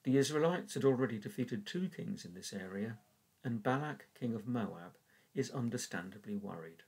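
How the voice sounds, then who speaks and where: Older English church warden, husky, measured devotional reading, webcam in small room. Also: male voice, medium pitch, expressive, a little mellow, rough recording. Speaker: church warden leading prayers. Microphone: webcam at desk.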